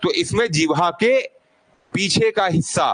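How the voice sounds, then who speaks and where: High-voiced man teaching a slow classroom lesson. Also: fairly bright tone, a little hiss or hum, rough recording. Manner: quizzing students with repeated questions and prompts.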